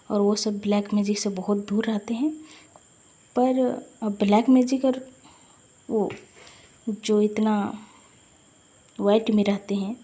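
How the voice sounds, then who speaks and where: A woman voicing a vengeful young man who uses dark magic, defiant and mocking in a fan story reading. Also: mid-range voice, breathy edge.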